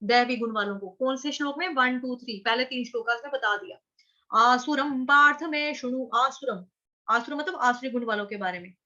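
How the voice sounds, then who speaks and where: High bright lady teaching kids to chant sanskrit, repeats syllables slow, kinda dull lo-fi sound. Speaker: Sanskrit recitation teacher for children. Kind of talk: online chanting lesson, explaining word by word.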